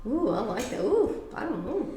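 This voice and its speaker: A woman's voice: on the high side, very animated, moderate pace, dark tone, echoey room, a little hiss or hum, low-quality recording. A middle-aged woman giving a casual tarot reading, blunt and profane, with emphatic repetitions. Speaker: tarot reader.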